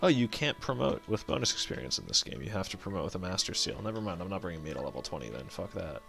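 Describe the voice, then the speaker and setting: A man with a low voice full of gravelly fry, giving loose let's play commentary. His tone is bright and forceful as he rambles, corrects himself mid-sentence and swears offhand. Faint game music sits behind him. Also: very animated, fast. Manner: thinks aloud, rambling and self-correcting, swears casually. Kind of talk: casual gameplay commentary.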